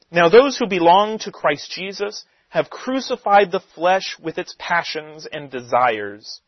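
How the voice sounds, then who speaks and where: A man with a slightly raised pitch, teaching from scripture in a sermon-style lesson. He reads passages deliberately and then slips into casual explanation. The recording is dry and a little dull, like a lo-fi capture. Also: no room sound. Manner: reads scripture lists slowly, then explains in loose conversational asides. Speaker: preacher teaching a Bible lesson.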